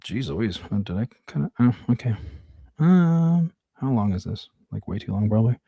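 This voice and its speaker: A man's voice: fairly low pitch, very animated, moderate pace, gravelly, mellow, slightly rough, dry recording, highs cut off. A man in his forties talking to himself and his chat while editing clips, rambling and joking. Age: 40s. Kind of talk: casual live-stream chat while editing.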